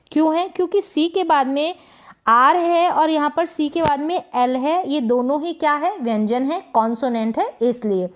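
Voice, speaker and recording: A woman teacher with a Hindi accent gives a patient spelling and pronunciation lesson, asking questions and answering them herself. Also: high voice. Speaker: English teacher. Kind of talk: explanatory lesson with rhetorical questions.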